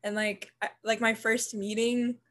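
Young woman, higher voice, very casual. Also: flat delivery, a little slow, fairly bright tone. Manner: says "like" constantly, loose phrasing. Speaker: podcast guest, committee co-lead. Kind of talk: casual chat.

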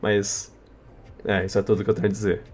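A young man with a Brazilian Portuguese accent hosting a casual podcast, speaking in a halting, rambling way and often repeating words. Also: on the low side, level tone, breathy edge. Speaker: podcast host. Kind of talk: casual unscripted podcast chat.

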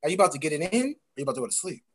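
A man's voice: fairly high pitch, big pitch swings, racing, noisy background. Teasing, slangy young man. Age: 20s. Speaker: podcast co-host. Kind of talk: casual chat.

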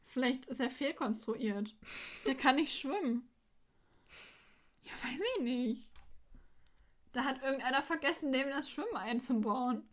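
Young woman podcast cohost, kinda high voice, laughy casual recap chat. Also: unhurried, long pauses. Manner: chatty, laughs often, retells scenes with quoted lines. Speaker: podcast co-host.

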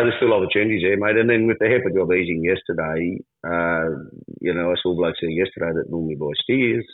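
A man with a rural Australian accent giving a casual livestock market report on radio in a laconic, colloquial outback drawl. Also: deep voice. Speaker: livestock agent interviewed as guest. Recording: roomy, phone-like line.

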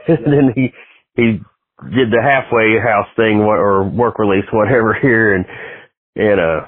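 A man hosting a casual interview podcast, hoarse after being sick, rambling and laughing often. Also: on the low side, unhurried, dry recording. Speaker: podcast host. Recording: tinny phone-like dry sound.

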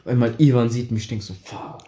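A man's voice: medium pitch, steady tone, rapid-fire, a crowd in the background. A young man chatting casually, telling stories from his school days in street slang and acting out the quoted lines. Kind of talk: casual chat.

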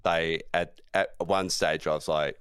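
A man's voice: rumbling low, steady tone, measured pace, a bit bright, clear, resonant tone, dry recording, studio quality. A man co-hosting a podcast, laid-back and hesitant with fillers. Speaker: podcast co-host. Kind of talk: casual comedic chat.

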